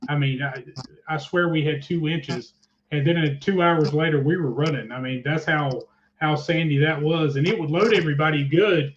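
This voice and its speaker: A man hosts a relaxed racing interview. His voice sits a little high and he talks in a chatty, folksy way. The audio is dull, with faint noise. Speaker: motorsport interview host. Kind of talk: casual interview, truck and tractor pull talk.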